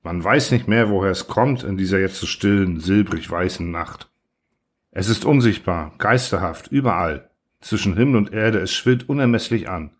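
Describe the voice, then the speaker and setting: Low-voiced male audiobook narrator. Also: moderate pace. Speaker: audiobook reader. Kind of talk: scripted literary narration.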